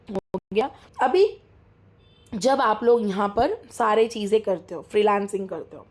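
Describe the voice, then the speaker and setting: A young woman teaching a live online class, chatty and encouraging, mixing English into her speech and often checking that students are following. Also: a little high. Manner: talks fast, keeps checking students follow. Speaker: online course mentor.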